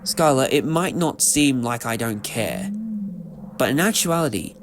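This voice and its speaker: Man playing the Doctor, a wildly animated eccentric adventurer. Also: mid-range voice, a little slow, noisy background, natural voice. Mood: contrite. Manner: theatrical, chatty, whimsical. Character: eccentric, excitable male time-travelling adventurer, talkative and whimsical. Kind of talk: fan audio drama acting.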